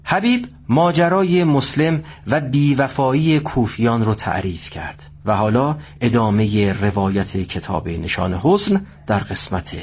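Male narrator, steady storytelling. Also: mid-range voice, hardly any pauses, breathy edge. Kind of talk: scripted narration.

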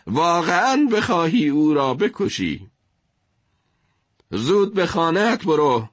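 A man's voice: fairly high pitch, fairly bright tone, pitched above the performer's own voice. A man voicing a stern, authoritative male caliph in a spoken story, speaking in a raised, reproachful tone. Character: stern commanding male caliph, powerful ruler.

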